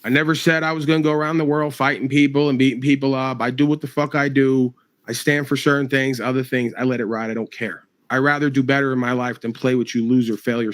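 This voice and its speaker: Profane New man ranting. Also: medium pitch. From New York. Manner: profane, confrontational, mocking. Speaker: livestreamer. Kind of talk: angry livestream rant.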